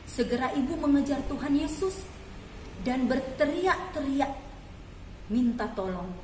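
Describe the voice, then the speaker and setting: Brief: high-pitched woman telling a children's Bible story, slow and expressive, roomy echo. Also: a little hiss or hum. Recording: echoey hall, faint ambience.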